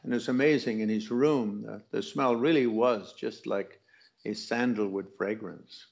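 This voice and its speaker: A man telling a personal story in a slow, reflective way, often pausing and restarting his sentences. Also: fairly low pitch, gravelly, darkish tone, slight background noise. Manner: unhurried, reflective, with many restarts. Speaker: teacher recounting a personal story. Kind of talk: casual storytelling. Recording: dull lo-fi recording.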